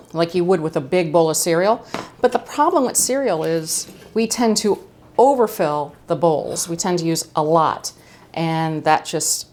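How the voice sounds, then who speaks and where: A woman's voice: fairly low pitch, slight background noise. A middle-aged woman hosting her own cooking video, talking casually and chattily with fillers and asides as she makes a dish in her home kitchen. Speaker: cooking channel host.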